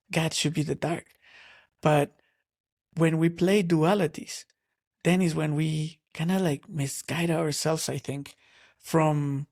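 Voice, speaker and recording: A Guatemalan artist, appearing as an interview guest, speaks slowly and reflectively, pausing often as he searches for words. His voice is a little high and creaky.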